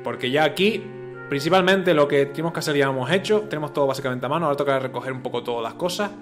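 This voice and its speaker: Man, fairly high voice, casual gameplay commentary, chatty, thinking aloud, faint music behind. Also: racing. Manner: chatty, thinking aloud, repeats filler words. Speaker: gaming video host.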